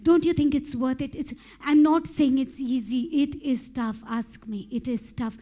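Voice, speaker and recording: A woman's voice: high voice, fairly even intonation, normal speed. A middle-aged woman from India preaching a sermon into a handheld mic on a church stage, growing impassioned. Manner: impassioned, rising to shouted prayer. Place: church stage with pink backdrop.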